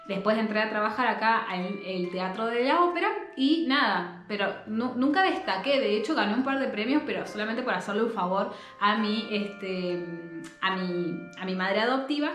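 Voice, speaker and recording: A woman's voice: medium pitch, expressive, moderate pace, fairly bright tone, natural voice. A woman voicing a sweet, delicate young woman singer who confides her story, in a roomy, echoing recording. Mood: confiding. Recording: roomy echo, faint music.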